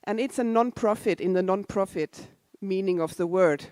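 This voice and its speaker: A woman's voice: mid-range voice, moderate pace, a little mellow, no echo. A woman in her forties, originally from Denmark, giving a casual, self-deprecating conference talk with asides to the audience. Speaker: conference speaker. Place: conference hall.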